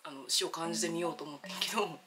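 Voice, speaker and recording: A woman's voice: deep voice, racing, background noise. A young woman with a Kansai accent chatting casually about her makeup as she applies it, rambling into stories. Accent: Kansai Japanese. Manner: chatty, rambling storytelling while doing makeup. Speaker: beauty vlogger. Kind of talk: casual makeup chat to camera.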